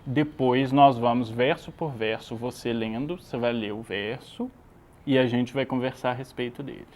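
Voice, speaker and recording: A man's voice: mid-range voice, normal speed, darkish tone, a little hiss or hum, low-quality recording. A man teaching an English lesson, explaining patiently and checking that his student follows.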